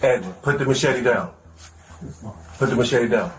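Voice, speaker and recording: A male police officer negotiating calmly, repeating the same pleas over and over inside a building. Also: medium pitch, normal speed. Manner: calm, insistent, repeats pleas. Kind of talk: crisis negotiation. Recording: echoey body camera audio with background noise.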